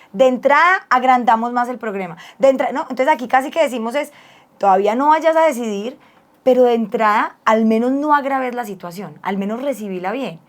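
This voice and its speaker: Woman sharing personal stories, slightly high voice. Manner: warmly affectionate toward her husband, tells personal stories. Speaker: psychologist and co-host. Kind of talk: casual advice talk with spouse.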